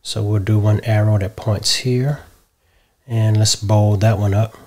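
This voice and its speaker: A middle-aged man explaining a software tutorial step by step from a home office, often checking in with "right?". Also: on the low side, a little slow. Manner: relaxed step-by-step explaining, tags lines with "right?". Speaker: tutorial host. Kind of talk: screen-share software tutorial.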